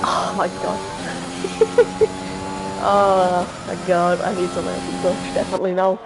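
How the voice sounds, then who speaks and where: A woman with a Liverpool accent doing live sim-racing commentary, halting with fillers and jumping up in excitement at crashes. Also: on the low side, creaky, over music, poor audio. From Liverpool, England.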